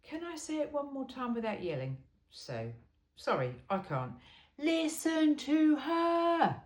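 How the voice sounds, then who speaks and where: A high-voiced woman reads slowly, her pitch swinging widely, as she works through a humorous self-help book informally. Wry and emphatic, she talks as much as reads, adding chatty asides. The recording sounds echoey and roomy.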